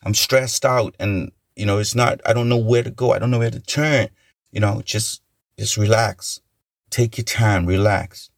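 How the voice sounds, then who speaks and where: A man's voice: on the low side, fairly even intonation, normal speed, no echo, clean studio sound. A man giving an earnest, rambling motivational talk, often repeating himself and leaning on "you know" as he encourages listeners. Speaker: motivational speaker.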